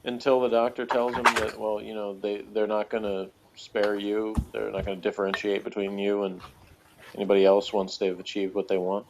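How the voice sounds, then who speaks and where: A man with a fairly low voice chats casually as a podcast reviewer, rambling and thinking aloud in a hesitant, hedging way. The dull, lo-fi recording has background noise.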